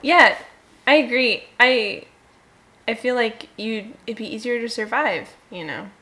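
A woman's voice: a little high, unhurried, bright, forceful tone. A young woman chatting casually with a friend, agreeable and giggly. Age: young adult. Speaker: co-host. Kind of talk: casual chat.

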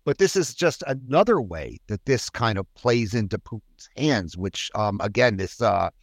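A man's voice: on the low side, animated, moderate pace, no echo, clean studio sound. A man hosting a policy discussion, talking conversationally with wry asides.

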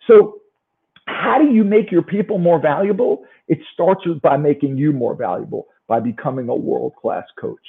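Through a thin, phone-like line comes a fairly high-voiced man with a New York accent. He speaks as a motivational sales coach, driving points home with emphasis and checking in with his listeners. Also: moderate pace, gravelly. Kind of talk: motivational business talk. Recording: thin, narrow-band phone-like sound.

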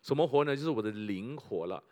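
A pastor preaching a sermon, full of rhetorical questions and repeated phrases. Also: male voice, medium pitch, animated, quick pace, a little mellow.

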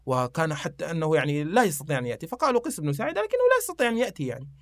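In a casual podcast chat, a man with a fairly high voice races through old anecdotes and recites poetry as an animated storyteller, using fillers along the way. The recording is dry.

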